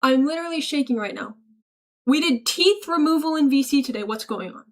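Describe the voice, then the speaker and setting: Young woman streamer, high voice, reads chat out loud and riffs on it all deadpan and silly. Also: brisk. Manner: playful, reads chat aloud and answers it with mock-serious bits. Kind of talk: casual livestream chat.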